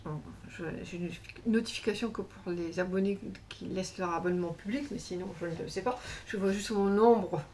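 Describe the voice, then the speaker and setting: A woman craft vlogger talks casually through her shopping haul at a mid pitch. She rambles, corrects herself and fills pauses as she goes. A faint hiss of background noise sits under her voice. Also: a little mellow. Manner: chatty and rambling, many fillers and self-corrections. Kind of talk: casual haul chat to camera.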